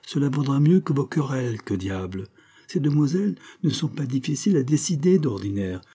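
A man's voice: mid-range voice, warm tone, slightly rough, voice pushed up. A man reading the part of a scheming middle-aged suitor who talks brusquely and impatiently.

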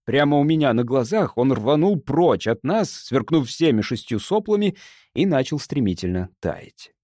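A man reading a first-person audiobook in an expressive, dramatic way. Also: medium pitch, moderate pace, dry recording. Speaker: audiobook narrator.

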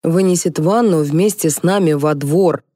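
A sulky young man who grumbles with biting sarcasm, as a woman reading aloud puts him on. The voice stays low and mellow, recorded close and dry. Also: normal speed, dry recording. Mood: grumbling. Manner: sarcastic, whiny.

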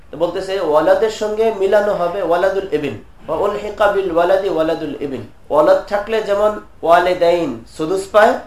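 High-voiced man lecturing in an echoey room. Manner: explains term by term, repeats points, asks students questions. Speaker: teacher of Quran commentary. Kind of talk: classroom lecture explaining a text.

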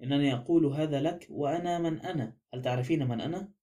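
A man's voice: a little high, quick pace, mellow, natural voice. Hercule Poirot, a vain detective, read by a man. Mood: pompous. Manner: pompous and insistent. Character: vain, proud male master detective. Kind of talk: audiobook character reading.

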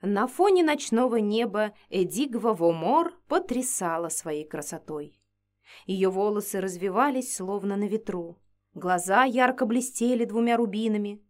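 A woman's voice: mid-range voice, animated, measured pace. A woman reading a first-person fantasy story aloud in a playful, ironic manner. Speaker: audiobook narrator.

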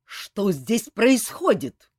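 A woman's voice: low-pitched, very animated, measured pace, darkish tone, slightly rough, no room sound, clean studio sound, heavily acted. A woman reading an audiobook, voicing a stern male army colonel who barks orders. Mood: commanding. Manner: barking orders.

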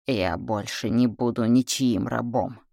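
A woman voicing a hoarse, seething night prince. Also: mid-range voice, a little slow, no room sound, clean studio sound, pitched below the performer's own voice. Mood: grim, curt. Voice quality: hoarse, clipped. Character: brooding furious male night prince, curt and menacing.

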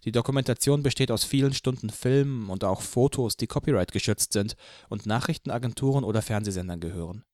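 A man narrating an audiobook in the first person, reading in a measured, even way. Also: mid-range voice, no room sound, clean studio sound.

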